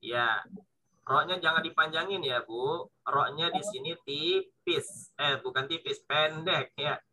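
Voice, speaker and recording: A man's voice: on the high side, unhurried, a crowd in the background, low-quality recording. A man with an Indonesian accent teaching Quran recitation, patiently drawing out each syllable as he demonstrates. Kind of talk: online tajwid lesson.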